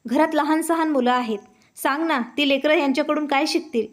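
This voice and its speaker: A woman voicing a harsh, sharp-tongued young wife who accuses loudly. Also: sits high, brisk, lightly acted. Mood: accusing. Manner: loud, accusing.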